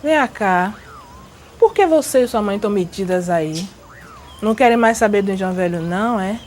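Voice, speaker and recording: A woman's voice: mid-range voice, lively intonation, moderate pace, darkish tone, a little hiss or hum. A woman telling a story in an interview, acting out the voices of the people in it.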